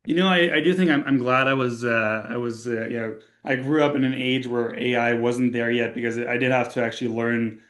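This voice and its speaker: A young man from Austria talks fairly quickly with hardly any pauses, his mid-range voice steady and fairly bright. He co-founded a tech company and is a guest in a casual podcast interview, speaking conversationally and thinking aloud with frequent fillers and restarts.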